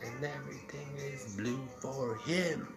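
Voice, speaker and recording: A man's voice: medium pitch, measured pace, creaky. A young man rambling casually and profanely to his camera while trying out filters. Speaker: vlogger. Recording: loud music in the background.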